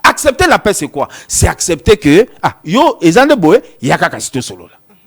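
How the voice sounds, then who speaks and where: A man's voice: sits high, sing-song, normal speed, slightly rough. A man, a lawyer from Congo with a Congolese French accent, arguing politics on a talk show and switching between French and Lingala with many restarts. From Democratic Republic of the Congo.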